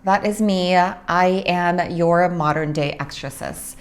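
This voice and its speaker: A young adult woman from Orange County, California, hosts a casual monologue about her spiritual work, speaking in a lowish voice. As host and spiritual practitioner, she's unhurried and reflective, pausing often.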